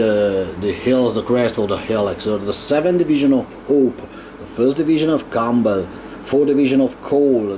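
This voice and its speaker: A man who is not a native English speaker, hosting an unscripted wargame battle report in a halting, hesitant way with frequent pauses. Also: medium pitch, poor audio. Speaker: host of a wargaming channel. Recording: clear steady background room noise.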